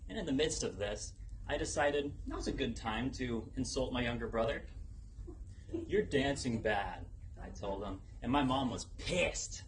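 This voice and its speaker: Young male storyteller, competition speech. Medium pitch, deliberate dramatic pauses, audible event noise behind. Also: animated, low-quality recording. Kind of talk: rehearsed personal storytelling speech. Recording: noticeable background noise, live event ambience.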